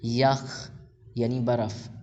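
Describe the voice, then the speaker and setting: A man teaching a language lesson, reading out vocabulary words and explaining them slowly and patiently, often repeating a word several times. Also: mid-range voice, level tone, a little mellow, lo-fi sound, slight background noise. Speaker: Persian teacher.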